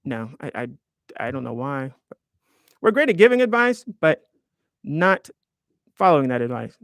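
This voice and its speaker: A man's voice: fairly high pitch, sing-song, normal speed, fairly bright tone, no room sound. A man in his fifties hosting a live stream, chatting casually and in a rambling, self-deprecating way while reading viewer comments aloud. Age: 50s.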